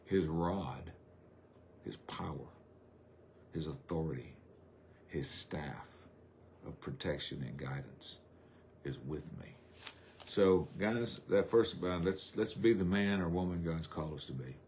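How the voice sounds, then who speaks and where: A middle-aged man, preaching a folksy, rambling sermon on a live stream with drawn-out emphasis. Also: very deep voice, a little mellow, slight background noise.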